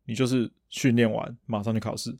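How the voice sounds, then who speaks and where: Quick-talking man with a Taiwanese Mandarin accent. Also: medium pitch, level tone, creaky, a little mellow, dry recording, clean studio sound. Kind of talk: casual chat.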